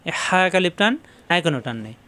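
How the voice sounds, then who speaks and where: A middle-aged man gives a pronunciation lesson on recitation, breaking words into single syllables and repeating them. His voice is fairly high for a man and very smooth and clear. He talks at a patient, drilling pace. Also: expressive, sharp tone. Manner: slow, drawn-out syllable-by-syllable drilling of sounds. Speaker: Quran recitation teacher.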